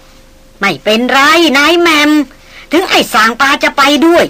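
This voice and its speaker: Brief: woman voicing old male jungle hunter, gruff, loud, high-pitched. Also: lively intonation, measured pace, full character voice.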